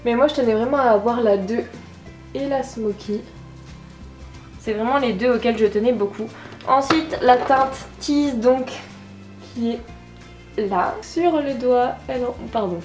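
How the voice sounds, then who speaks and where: A woman with a slightly high voice chats enthusiastically while reviewing makeup, poking fun at herself along the way. The room is echoey, and faint music plays in the background. Her tone is casual and excitable. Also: unhurried, long pauses. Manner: chatty, enthusiastic, self-deprecating. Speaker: beauty vlogger.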